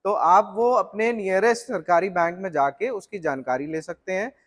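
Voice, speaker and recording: A middle-aged man gives a steady, direct-to-viewer technical tour of flour mill machinery. His voice is high-pitched and his pace moderate.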